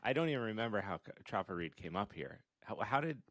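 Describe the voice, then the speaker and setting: Laughing, low-voiced podcast host. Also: male voice, big pitch swings, fast, fairly bright tone, no echo. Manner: laughing, enthusiastic, casual swearing. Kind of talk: casual podcast chat.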